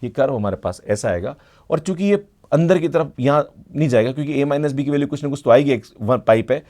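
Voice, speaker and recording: A man's voice: medium pitch, expressive, fast, warm tone. A middle-aged man teaching a math class at a board. He mixes in technical English terms, checks in with the students again and again, and calls them "beta". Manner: addresses students as "beta", constant "hai na" check-ins.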